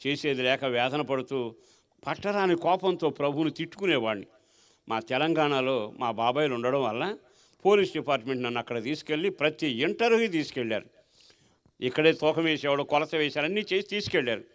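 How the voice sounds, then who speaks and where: A male pastor telling his life story in a sermon, asking rhetorical questions and swinging between strong and soft feeling. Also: fairly high pitch, animated, fairly quick. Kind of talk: sermon testimony.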